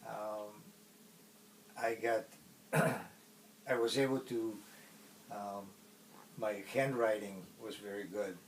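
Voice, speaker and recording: A middle-aged man from Poland with a Polish accent, a native Polish speaker, recalling his past in a casual interview in a halting way with many pauses. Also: lowish voice, steady tone, distant mic, slight background noise, low-quality recording. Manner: halting, pausing often mid-phrase.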